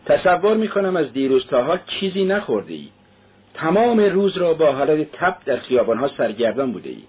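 A blunt young servant woman, read by a male narrator in a slightly raised voice, speaking flatly and matter-of-factly. The voice is husky and comes through a tinny, phone-like line. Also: a little high, voice pushed up. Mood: concerned.

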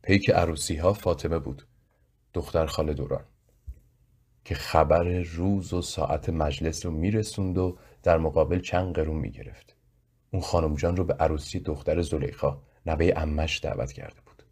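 Low husky male storyteller. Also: darkish tone. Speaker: narrator. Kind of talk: audiobook narration.

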